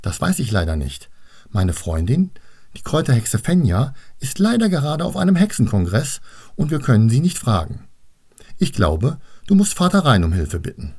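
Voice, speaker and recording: A calm, gentle female teacher speaks in a raised, reassuring voice, as a man puts her on. She comes from a children's storybook reading, with a husky edge to her voice. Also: medium pitch, moderate pace, pitched above the performer's own voice, full character voice.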